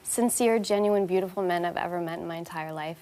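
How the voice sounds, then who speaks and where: A woman's voice: on the low side, fairly quick, warm tone. A young woman with a Canadian accent, a talk show guest chatting casually and laughing easily about her acting work. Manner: chatty, laughing, self-deprecating. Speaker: actress guest.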